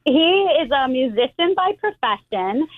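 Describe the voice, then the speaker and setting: A middle-aged American woman, a rabbi, explaining things in a measured way with frequent restarts over the phone. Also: sits high, very animated. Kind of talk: phone interview. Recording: tinny phone line.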